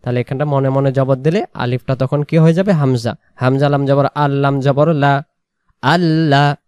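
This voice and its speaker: A man teaching tajweed, slowly repeating each word and then explaining the rules in quick, patient asides. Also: medium pitch, fairly even intonation, a little mellow, smooth, no room sound. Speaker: Quran recitation teacher. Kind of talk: tajweed lesson, word-by-word drilling.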